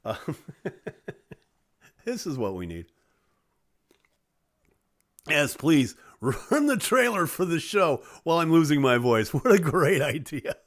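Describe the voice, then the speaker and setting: Losing his voice and clearing his throat, this live stream host pokes fun at himself as he chats with viewers, scattering fillers and side comments. His fairly high voice is very animated yet slow, with long pauses, in echo-free studio-quality audio.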